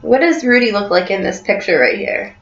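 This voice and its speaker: A woman teacher reading a story aloud in class and encouraging a student with quick questions, recorded on a computer webcam in a classroom. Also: mid-range voice, sing-song. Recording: echoey room, dull lo-fi sound.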